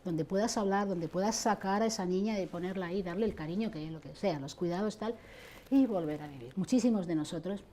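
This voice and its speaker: Over slight background noise, a middle-aged abuse survivor advocate with a dark, lowish voice answers interview questions briskly. She's impassioned and indignant, speaking directly to church leaders.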